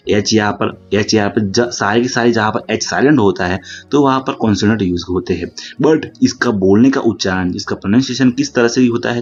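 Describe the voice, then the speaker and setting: A man teaching English grammar from notes, often saying "look" and slowing down to read English rules aloud. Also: fairly low pitch, husky. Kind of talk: explaining lesson with notes. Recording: dull lo-fi audio with faint music.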